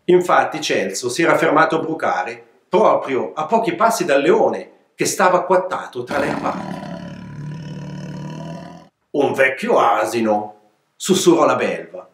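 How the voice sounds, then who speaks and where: A man reads his own picture book to children in a playful, expressive manner. His voice sits a bit high and moves a lot, heard in a roomy, echoing space. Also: moderate pace. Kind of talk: children's story reading. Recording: echoey room.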